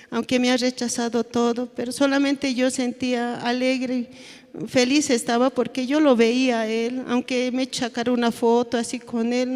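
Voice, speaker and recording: Middle-aged woman, halting church testimony. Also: on the high side. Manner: halting, earnest, tags lines with "¿no?" and "así". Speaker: church member giving testimony. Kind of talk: personal testimony in a church service. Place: church hall. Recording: long hall reverb.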